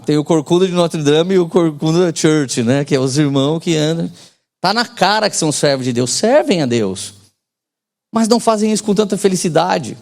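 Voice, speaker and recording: Creaky-voiced pastor, casual joking sermon. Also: male voice, on the high side, expressive, normal speed. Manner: casual, joking preaching with slang; leans on call-and-response with the congregation.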